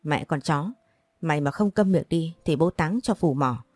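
Woman doing a violent, snarling young dad, low and dark, threats through his teeth. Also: animated, moderate pace, no room sound, soft background music. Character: furious violent young father, man.

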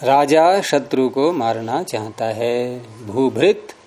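A man teaching a grammar lesson, repeating word forms slowly and explaining rules step by step. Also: mid-range voice, expressive, a little mellow.

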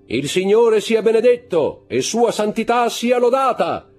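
A man voicing the solemn head of a religious brotherhood who proclaims in a loud, clear voice. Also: high voice, big pitch swings, a little slow, soft background music, voice pushed up. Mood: proclaiming.

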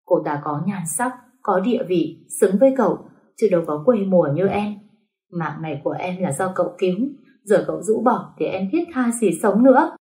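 A woman's voice: fairly low pitch, unhurried, pauses often, darkish tone, echoey room, lightly acted. A jilted young woman, bitter and near tears, pleading in a rising voice, as a woman reads her. Plaintive and wounded.

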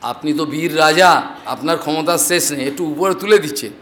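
A humble male envoy of the gods in a scripture story, who speaks in a persuasive and flattering way, as a man acts him out. The voice is high and earnest. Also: normal speed, close to an everyday voice.

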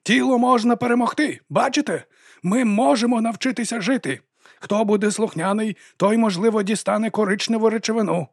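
A cold, ruthless male leader barks orders in a high, strained voice, put on by a male audiobook reader. The recording is dry and close. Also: brisk, creaky, dry recording. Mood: ranting. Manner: shrill barking commands.

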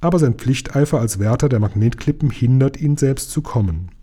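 A man reading a children's story aloud, voicing a gentle male sea creature with a melodious, singing way of speaking. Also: mid-range voice, lively intonation, a little fast, breathy edge.

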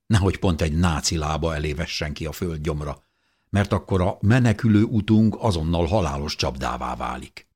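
A man reading a first-person audiobook narration in an expressive voice that rises with tension. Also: rumbling low, husky.

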